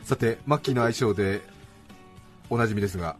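Host guy interviewing, mid pitch, lots of quick yeahs, kinda fast. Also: soft background music. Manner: attentive, frequent short replies. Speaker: radio podcast host. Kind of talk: casual interview.

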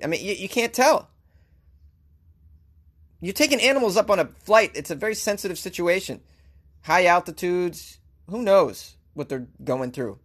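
Fairly high in pitch with a fairly bright tone, this Boston-accented man hosts talk radio, mocking the news in a sarcastic, opinionated rant and frequently breaking into laughter.

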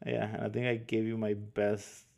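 Hesitant man with a gravelly voice. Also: lowish voice, level tone, moderate pace, darkish tone. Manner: hesitant, filler-heavy, restarts often. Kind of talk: casual podcast chat.

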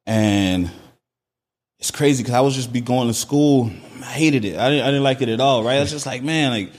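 A young adult man from Miami, a podcast guest telling his backstory in relaxed conversation, often tagging his sentences with "right?". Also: medium pitch, a little fast. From Miami, Florida. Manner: laid-back, peppers speech with "right?". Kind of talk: casual conversation.

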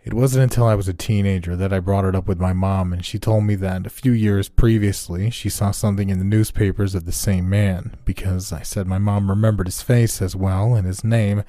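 Very deep-voiced man narrating horror stories. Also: fairly even intonation, brisk, hardly any pauses, dark tone, no room sound, clean studio sound. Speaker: narrator of listener-submitted scary stories. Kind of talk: scripted first-person horror story narration. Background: background music.

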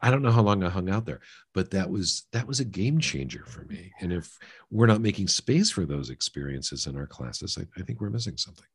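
A man hosting a podcast interview, talking in a relaxed conversational way with self-deprecating asides. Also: low voice, a little fast, husky. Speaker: podcast host.

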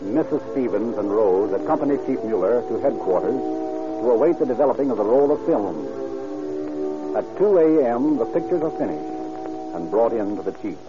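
A man's voice: mid-range voice, animated, moderate pace. A man reading scripted narration for an old radio drama. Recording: muffled old radio recording with music.

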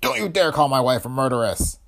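A man voicing a sarcastic, hot-tempered young husband who stands up for his wife, with a gravelly, husky voice. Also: lowish voice, very animated, fast talker. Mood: angry. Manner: sarcastic, combative.

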